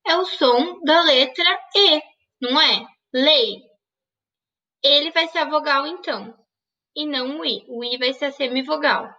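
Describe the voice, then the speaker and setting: A woman's voice: high voice, moderate pace, sharp tone, distant mic, lo-fi sound. A woman teacher giving an online grammar lesson, asking questions and answering them herself. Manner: didactic, asks and answers her own questions.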